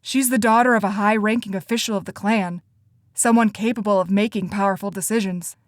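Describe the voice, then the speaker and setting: A woman voicing an earnest, anxious teenage boy who talks eagerly in rushes, in an audiobook. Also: medium pitch, fairly even intonation, dry recording, studio quality, close to an everyday voice.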